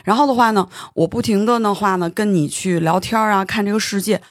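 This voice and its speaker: A podcast host, telling a story in casual studio chat, animated and stumbling over words when excited. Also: mid-range voice, a little fast, no room sound.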